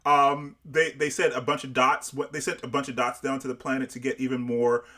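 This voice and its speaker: Halting man from Barbados, livestream co-host. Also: medium pitch, little pitch movement, sharp tone. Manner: halting, many restarts and repeated words. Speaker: show co-host. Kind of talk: casual review discussion.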